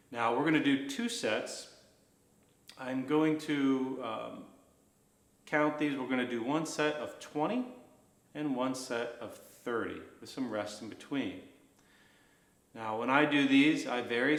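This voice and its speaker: A man instructing a guided breathing practice in an unhurried, gently reassuring manner. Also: medium pitch, reverberant.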